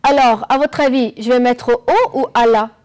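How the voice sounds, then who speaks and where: A woman teaching French on an educational channel, explaining slowly and clearly and asking the viewers questions. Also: fairly high pitch, a little mellow. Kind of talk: televised classroom lesson.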